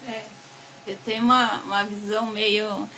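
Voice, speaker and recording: A woman hosting a casual live chat, talking in a warm, halting way with many restarts and fillers. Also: medium pitch, little pitch movement, slight background noise, rough recording. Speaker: host.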